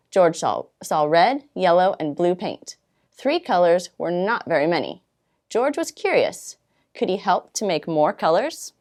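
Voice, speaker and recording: A volunteer storytime reader, a woman whose voice sits slightly low, reads a children's storybook aloud. She keeps her intonation very animated, leaning on dramatic pauses and stretched-out words to carry the tale.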